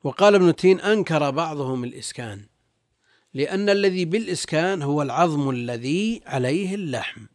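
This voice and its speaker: A man's voice: a little high, expressive, a little fast, no echo, clean studio sound. A male religious scholar reading and explaining texts in formal classical Arabic, repeating phrases as he goes. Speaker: religious scholar, guest teacher.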